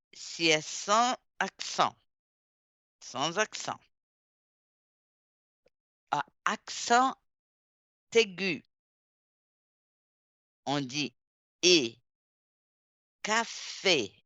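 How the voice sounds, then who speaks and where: A woman teacher, deliberately spelling out words letter by letter during a class. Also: sits low, fairly bright tone, no room sound. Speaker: language teacher. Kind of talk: online class instruction.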